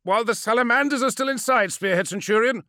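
An excitable male sergeant, pitched well above the narrator's own voice and always urgent, as a man puts him on. The recording is dry and close. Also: fast, clean tone, dry recording. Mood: alarmed. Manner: high, urgent exclamations.

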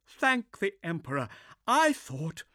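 Man doing a young female inquisitor, high strained voice, insistent, animated, dry close sound. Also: slow, dry recording, full character voice. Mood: urgent.

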